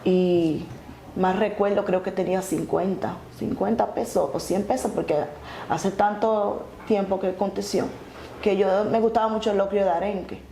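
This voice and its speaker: A woman telling her testimony earnestly, halting and restarting often. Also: medium pitch, fairly even intonation, dark tone. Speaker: guest sharing her testimony. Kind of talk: emotional personal testimony. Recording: echoey room with faint noise.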